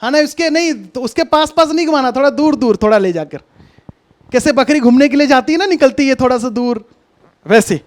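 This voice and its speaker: Very high-pitched male preacher. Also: expressive, fairly quick. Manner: conversational, coaxing, repeats instructions. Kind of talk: online sermon with a hands-on demonstration. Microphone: video call.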